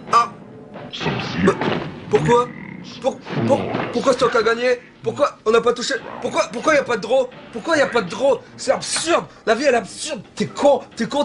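A petty, hot-tempered grown man rants and screams abuse in a piercing, very high voice. He is a figure from an amateur comedy sketch. Music plays beneath his tirade. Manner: ranting, insulting, breaking into shouts.

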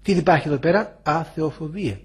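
Husky older man preaching. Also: on the high side. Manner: preaching with rhetorical questions and emphatic repetition. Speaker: monastic elder. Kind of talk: sermon.

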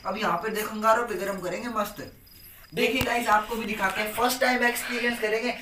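A man's voice: sits high, steady tone, a little fast, background noise. A young man, chatting casually on a family vlog and coaxingly pleading and apologizing over and over. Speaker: vlogger.

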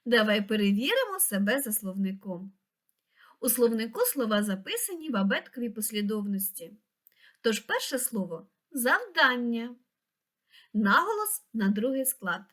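A woman reading a scripted lesson for young children, pronouncing each word slowly and clearly. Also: mid-range voice, sing-song. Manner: slow, clear, pronouncing words syllable by syllable. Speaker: teacher.

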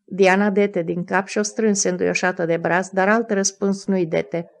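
A woman narrating a novel as an audiobook in a measured, even reading. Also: medium pitch, vocal fry. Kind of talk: scripted narration.

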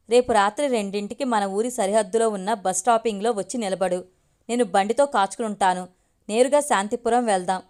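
A woman voicing a scheming young man who smoothly pressures his girlfriend in a storybook. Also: on the high side, natural voice. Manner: insistent, smooth-talking.

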